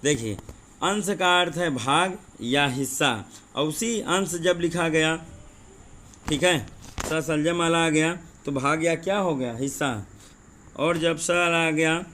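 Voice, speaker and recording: A male teacher with a slightly high, pushed and bright voice leads an exam-prep lesson, slowly explaining and repeating paired words. He often says "dekhiye" and "thik hai" and keeps putting rhetorical questions to his viewers, with a faint hum beneath his voice.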